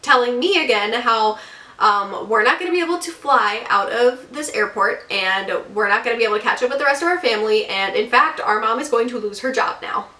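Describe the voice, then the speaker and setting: Young woman vlogging, rambly chatty storytime, kinda high voice, camera mic a bit far off. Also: a little fast, bright, forceful tone. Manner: chatty, many fillers like "like" and "um". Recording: roomy echo, camera mic at a distance.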